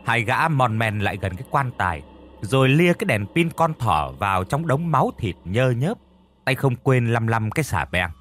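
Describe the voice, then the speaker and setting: Male horror-story narrator, husky voice, lively pitch, quiet music underneath. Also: moderate pace. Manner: vivid, dramatic storytelling.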